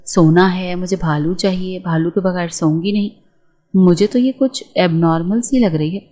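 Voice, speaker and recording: A woman's voice: on the low side, dark tone, close to an everyday voice. A woman voicing a frustrated young husband, speaking in an exasperated, pressing way in an audio storybook.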